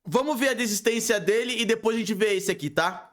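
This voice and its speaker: A man with a Brazilian accent reacting casually to a video, talking in excitable, slangy bursts. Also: high voice, a little fast. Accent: Brazilian Portuguese. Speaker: react streamer.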